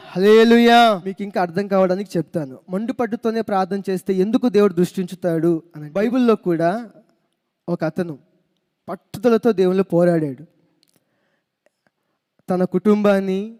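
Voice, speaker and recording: A man preaching a sermon in a high voice, telling his story with animation and calling out hallelujah. His words ring through an echoey church hall. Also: warm tone. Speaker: pastor.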